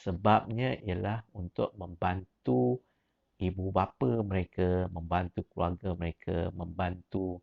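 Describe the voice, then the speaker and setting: A man with a Malaysian Malay accent and a deep, gravelly, fairly even voice gives an unhurried teacher training talk. He presses his audience with repeated, rising, emphatic questions and mixes in English words, all captured in a dull lo-fi recording.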